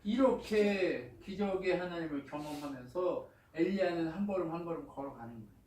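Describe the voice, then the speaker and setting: A male pastor preaching a sermon in a church, lively and colloquial, often asking the congregation questions. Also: a little high, fairly quick, slight background noise. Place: church sanctuary. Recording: echoey church hall, distant mic.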